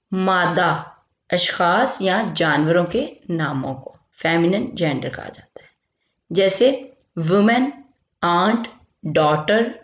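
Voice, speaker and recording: A woman from Pakistan teaching a grammar lesson. She explains slowly and keeps checking in as she repeats each term. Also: lowish voice. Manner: explains slowly, repeats terms, says "theek hai" often. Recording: lo-fi echoey room.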